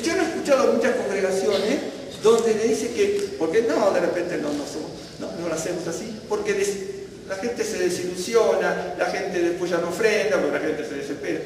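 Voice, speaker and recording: Male Bible teacher, high voice, chatty and questioning, recorded far off in a reverberant hall with faint noise. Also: moderate pace. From Argentina. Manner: conversational, checks in with listeners often. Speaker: teacher at a congregation.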